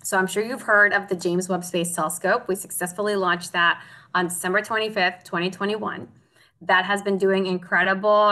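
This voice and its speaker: A woman's voice: mid-range voice, bright, forceful tone. A woman, a guest telling her story in an earnest, heartfelt way in a casual interview. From Mexico. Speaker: guest, optical engineer.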